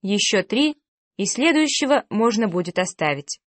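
A woman reads an audiobook in a measured, steady way, her voice sitting at a middle pitch. She is close to the microphone, and the sound is dry, with no room echo. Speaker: audiobook narrator. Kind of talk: audiobook narration.

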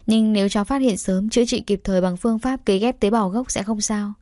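A woman voicing a gentle, apologetic middle-aged male doctor in an audio story, soft and measured. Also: mid-range voice, no room sound, clean studio sound, close to an everyday voice.

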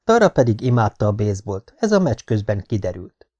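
A man reading an audiobook novel in a steady, measured narration. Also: fairly low pitch, highs cut off.

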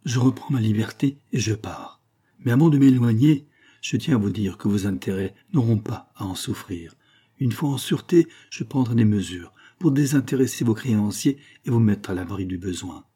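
Man doing a firm young woman, voice lifted higher, husky mellow tone, audiobook reading. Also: animated, moderate pace. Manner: firm, urgent. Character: resolute young woman leaving her husband.

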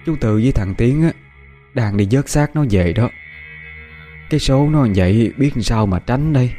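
A tired, grieving old country mother, put on by a man. Her voice drops low and dark, and she speaks slowly and soothingly in this audio ghost story, faint music behind. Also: natural voice.

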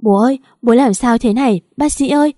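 A woman reads as a frantic, protective elder sister in a storybook reading. Her words are urgent and scolding, with a mellow tone and a dry, close sound. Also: a little high, brisk, dry recording, voice pushed up, close to an everyday voice. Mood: distraught.

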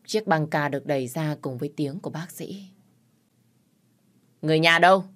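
A woman telling a first-person audio story in a soft, subdued narrating voice. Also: deep voice, fairly quick.

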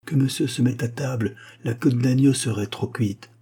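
A man's voice: medium pitch, moderate pace, dark tone, husky. A man voicing a fretful old governess. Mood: sighing. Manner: anxious, lamenting. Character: old fussy governess woman, fretful servant.

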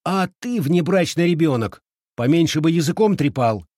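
A man voicing a bold, quick-tempered village girl who talks in an excitable, high, sharp way. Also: dry recording, studio quality. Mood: agitated.

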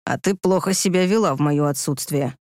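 Woman doing a husky, commanding man. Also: brisk, no room sound, studio quality. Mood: stern. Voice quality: low husky murmur. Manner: hushed, commanding. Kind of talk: audiobook character voice.

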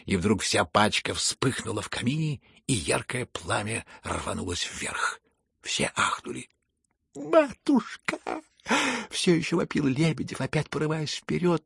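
A man narrating a classic novel as an audiobook in a measured, dramatic storytelling manner. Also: fairly low pitch, creaky, slightly rough, dry recording, studio quality.

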